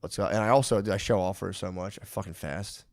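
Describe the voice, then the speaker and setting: A man in his thirties rattles off stories at a quick clip on a casual podcast. He swears freely and slips into voices for the people he's quoting. The sound is close and dry, with no room around it. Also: sits low, no echo. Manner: rambling storyteller, swears a lot, acts out quotes. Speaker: podcast co-host. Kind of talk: casual comedic chat.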